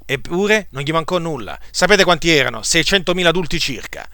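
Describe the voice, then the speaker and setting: A man's voice: a little high, lively intonation, a little fast, bright, forceful tone, no room sound, clean studio sound. A man preaching a sermon to his congregation, asking rhetorical questions and urging them on. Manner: rhetorical questions, emphatic exhortations.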